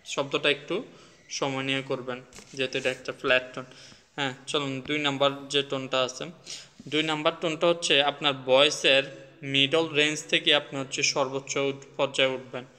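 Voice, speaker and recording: Man, bright higher voice, casual tutor demonstrating sounds, reverberant room. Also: little pitch movement, normal speed. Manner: demonstrates sounds, mixes in English words. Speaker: language teacher. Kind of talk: casual video lesson.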